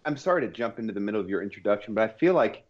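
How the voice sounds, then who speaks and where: A man with a fairly deep voice talks as a podcast co-host. He banters casually, and the recording is a little muffled. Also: animated, rapid-fire. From southern United States, Atlanta area.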